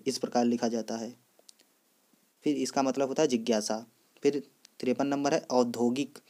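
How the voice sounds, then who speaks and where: A man teaching an exam-prep spelling lesson in a steady, instructive way, repeating set drill phrases. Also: medium pitch.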